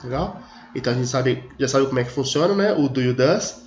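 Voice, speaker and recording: A man's voice: medium pitch, expressive, fairly quick. A man teaching an English grammar lesson, explaining patiently, stretching his example sentences and checking in with his students. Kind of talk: screen-recorded grammar lesson. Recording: echoey room, dull lo-fi audio.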